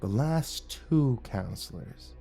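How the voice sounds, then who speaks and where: Male narrator as menacing camp counselor, hushed creepy legend telling, cold and ominous, horror storytime. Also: medium pitch, expressive, takes it slowly, creaky, faint music behind, full character voice.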